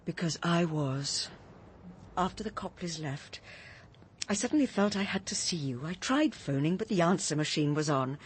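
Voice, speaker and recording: In a British radio drama, an actress with a lowish, natural voice plays a troubled, earnest woman who gently confronts her friend. She speaks hesitantly but expressively at a moderate pace, with a faint hiss or hum in the background.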